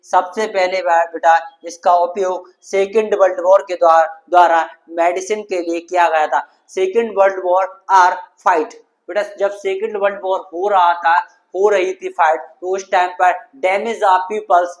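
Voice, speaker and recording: A young man teaching an exam-prep lesson in speech, quizzing students with call-and-response questions and repeating the answers, often calling them his dear children. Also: high voice. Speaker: coaching teacher.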